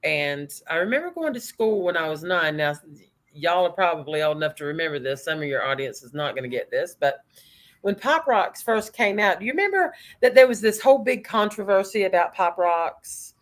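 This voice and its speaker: Chatty woman, lowish voice. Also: fairly quick. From North Carolina, USA. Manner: chatty, animated storyteller. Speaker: sales coach. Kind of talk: guest storytelling in an interview.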